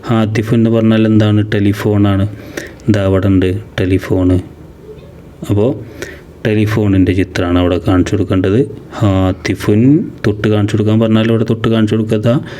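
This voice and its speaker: A man with a Malayali accent teaching a children's reading lesson for an exam. He reads each word slowly and drawn out, then explains it more quickly. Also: on the low side, little pitch movement, mellow. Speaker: madrasa teacher.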